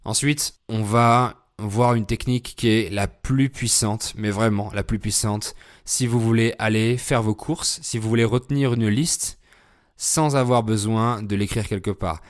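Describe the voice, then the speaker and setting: Low-voiced man teaching French slowly. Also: steady tone. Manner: slow, deliberate explanations with many fillers. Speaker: French teacher podcast host. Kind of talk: podcast lesson for French learners.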